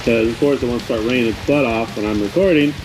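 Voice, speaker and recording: A man's voice: mid-range voice, quick pace, noisy background. A man narrating casual hands-on work in a wry, tongue-in-cheek way, speaking during a thunderstorm. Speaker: host of a DIY motorcycle garage video. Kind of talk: casual how-to narration while working. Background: rain and thunder of a storm.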